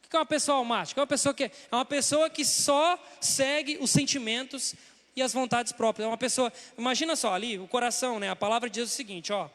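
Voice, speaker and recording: Brazilian male pastor, young, conversational sermon that acts out quoted voices, very high pitch. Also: steady tone, quick pace, fairly bright tone. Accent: Brazilian Portuguese. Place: church sanctuary. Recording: long hall reverb.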